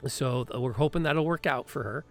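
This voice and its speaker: Hosting a podcast and live stream, a man chats casually in an upbeat, rambling way, loaded with fillers and restarts. His mid-range voice is creaky and moves at normal speed, with faint music in the background.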